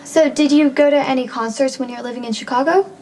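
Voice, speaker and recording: An actress playing a curious young neighbor who eagerly asks prying questions. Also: female voice, high voice, quick pace, warm tone, slight background noise, natural voice. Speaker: nosy neighbor taking piano lessons. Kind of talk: daytime soap opera acting.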